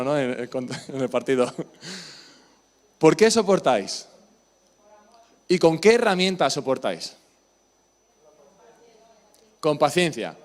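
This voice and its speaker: Man preaching a conversational sermon. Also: a little high. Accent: Spain Spanish. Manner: conversational, asks the congregation questions. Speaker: pastor. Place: church service.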